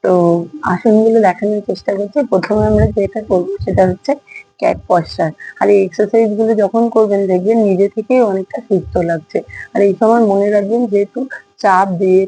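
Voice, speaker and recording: Hoarse woman leading a yoga class, mellow tone, dry close sound, faint music under her, counts reps aloud. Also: medium pitch, no room sound, rough recording. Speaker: yoga instructor. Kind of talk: casual yoga class instruction.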